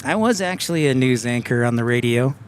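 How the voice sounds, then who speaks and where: A man's voice: medium pitch, expressive, a little fast, a little hiss or hum. A man hosting a live stream outdoors, chatting casually and reading viewer comments aloud. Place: outdoors by an airport.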